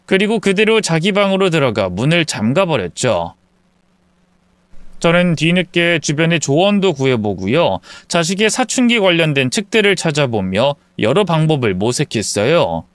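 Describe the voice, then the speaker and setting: Calm male narrator, earnest first-person read, smooth voice, a bit high. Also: moderate pace, dry recording. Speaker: storyteller.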